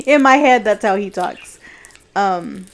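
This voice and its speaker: A woman's voice: medium pitch, a little hiss or hum. A woman talking earnestly in a personal vlog, reflective and heartfelt, with a few laughs. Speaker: vlogger sharing a faith journey.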